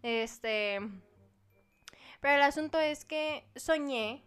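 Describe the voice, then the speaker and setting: Young mexican woman, high voice, chatty and animated, slangy storytelling on a podcast. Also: takes it slowly. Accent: Mexican Spanish. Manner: animated, slangy, acts out dialogue. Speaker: podcast co-host. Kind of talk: casual chat, storytelling.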